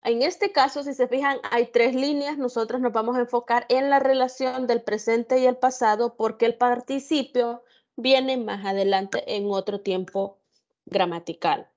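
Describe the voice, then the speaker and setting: A woman tutor giving an online grammar lesson, explaining slowly and carefully with examples and questions to her students. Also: on the high side, steady tone, a little mellow, highs cut off. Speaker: English tutor. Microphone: computer mic on an online class.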